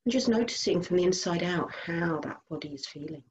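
With a lowish voice and lively intonation, a woman teaches a guided body scan, speaking gentle, brief instructions and letting unhurried pauses fall between them.

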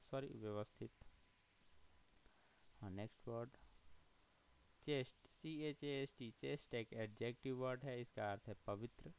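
Male teacher drilling word lists, slow measured delivery, clean clear tone. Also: medium pitch, rough recording. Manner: spells words letter by letter, corrects himself mid-list. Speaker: English vocabulary teacher. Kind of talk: vocabulary lesson, reading word lists.

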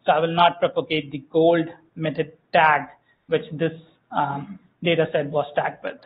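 A fairly high-pitched man walks an audience through a software demo at a meetup. He explains step by step, pausing on fillers and restarting his phrases. The sound is thin and tinny, like a phone line. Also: flat delivery. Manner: explanatory, many fillers and self-corrections. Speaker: tech speaker giving a software demo. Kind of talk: live conference demo walkthrough. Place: meetup room, small audience. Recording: tinny phone-like room audio.

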